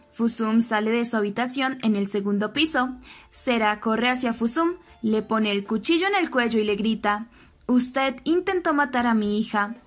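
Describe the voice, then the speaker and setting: Higher-voiced woman narrating a recap. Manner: reads the characters' lines in her own narrating voice. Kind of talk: narrated soap episode recap. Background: faint background music.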